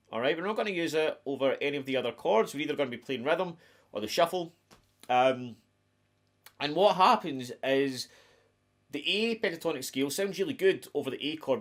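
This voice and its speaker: A middle-aged man with a broad Scottish accent, giving a casual guitar lesson to camera. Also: a little high. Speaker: guitar teacher. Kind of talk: casual instructional talk to camera. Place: small attic home music room, indoors. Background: electric guitar playing.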